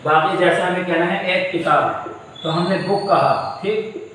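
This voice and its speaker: A man's voice: high-pitched, a little slow, a bit bright, a little hiss or hum. A man teaching English grammar in a classroom, explaining patiently, repeating points and posing questions to his students. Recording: echoey room from far off.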